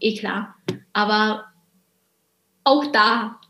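A woman with an Austrian German accent, a podcast guest telling stories in a lively, sarcastic way and slipping into English phrases. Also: medium pitch, very slow, reverberant, slight background noise. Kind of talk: candid podcast conversation.

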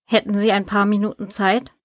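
A woman's voice: mid-range voice, little pitch movement, fairly quick, no room sound, clean studio sound, lightly acted. A woman reading a polite male journalist. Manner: polite, businesslike questioning.

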